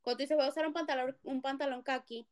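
High-voiced Venezuelan young woman. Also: fairly even intonation, quick pace. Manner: teasing, laughs often. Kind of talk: casual chat playing a word game.

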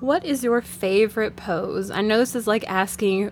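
A woman's voice: mid-range voice, normal speed. A woman interview host speaking in an informal, enthusiastic, conversational way. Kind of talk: conversational interview for young listeners.

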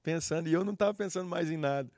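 A man's voice: on the high side, rapid-fire, a little mellow, no room sound, clean studio sound. A man with a Brazilian accent preaching a sermon, telling a personal testimony in an earnest, heartfelt way. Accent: Brazilian Portuguese.

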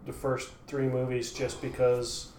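An easygoing man co-hosting a casual podcast, speaking in halting, stop-start phrases. His voice is mid-pitched. The room rings with echo and a faint hiss. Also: level tone, darkish tone. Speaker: podcast co-host. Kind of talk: casual chat. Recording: echoey room with faint noise.

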